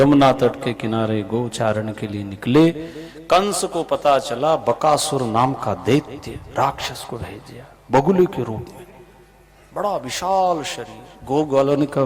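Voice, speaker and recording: A man preaching a devotional scripture sermon to a live gathering, telling the story in an animated way and asking the audience questions. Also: mid-range voice, a little slow. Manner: animated storyteller, acts out the characters' lines; asks the audience questions directly. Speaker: Bhagavat katha preacher.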